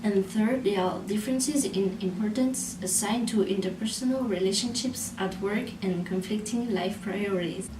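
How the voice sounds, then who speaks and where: A woman's voice: medium pitch, moderate pace, few pauses. A woman from France with a French accent, giving a student presentation in an earnest, explanatory way. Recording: roomy echo, distant mic, background noise.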